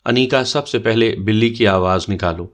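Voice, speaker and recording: Young woman picking silly dares with a smile, low voice, as a male reader does her. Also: close to an everyday voice. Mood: teasing. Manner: gently teasing. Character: smiling mischievous young woman cousin.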